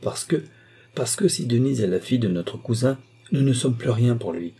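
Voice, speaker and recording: A man's voice: medium pitch, expressive, moderate pace, warm tone, husky. A man voicing a proud, principled young man who answers his mother firmly and earnestly. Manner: earnest, firm.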